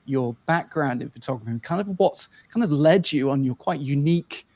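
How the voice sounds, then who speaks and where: A man's voice: a little high, expressive, fairly quick, a little mellow, no echo. A man hosting a podcast interview, a photographer himself, speaking in a conversational, encouraging way as he leads the questions.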